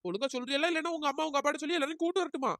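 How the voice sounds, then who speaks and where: A woman's voice: high-pitched, racing, a bit bright, no echo. Cartoon role: prying, bossy older village woman, dry close voice, played by a woman.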